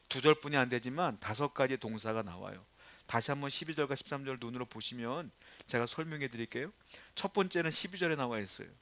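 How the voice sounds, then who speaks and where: Middle-aged male pastor, conversational sermon delivery with loud emphatic repetition; bright, slightly high voice, dry close recording. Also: no echo. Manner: conversational preaching, swings between quiet asides and loud emphatic repetition; acts out nagging parents and quoted voices.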